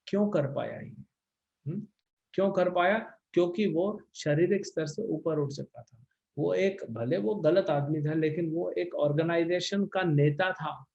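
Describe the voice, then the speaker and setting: A man giving a conversational lecture on scripture, often pausing to check in with his listeners with a questioning "hmm?". His voice sits fairly high for a man. The recording is dull and lo-fi. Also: gravelly, warm tone. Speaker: spiritual teacher.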